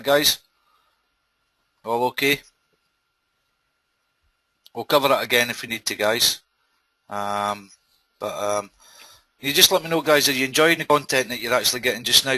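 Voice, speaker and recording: A man's voice: mid-range voice, sharp tone, no room sound, poor audio. A Scottish man hosting a live webinar, chatty and encouraging, reading out viewer comments with many ums. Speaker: webinar host.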